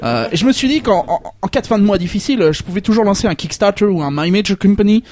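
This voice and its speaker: A man's voice: high-pitched, animated, quick pace, a little mellow, no echo. A man playing a boastful, greedy manga author with a Belgian accent, stammering through heavy franglais. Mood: bragging. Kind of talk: comic parody interview.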